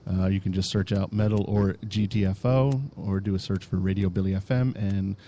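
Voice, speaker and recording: A man's voice: low-pitched, steady tone, fairly quick, mellow, a little hiss or hum. Laid-back rambling male podcast co-host. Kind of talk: casual chat.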